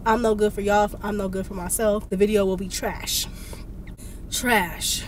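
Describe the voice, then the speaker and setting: This casual vlog rant comes from a young woman who is sick and congested, venting and animatedly recounting a story in a parked car while a phone on the dashboard films her. Her medium-pitched voice has fairly even intonation at a normal speed, and there's slight background noise.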